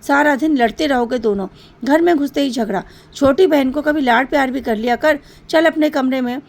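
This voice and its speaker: A woman's voice: high voice, normal speed, a little mellow. A woman voicing a mother who scolds and worries over her two quarrelling children in a spoken story. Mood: scolding.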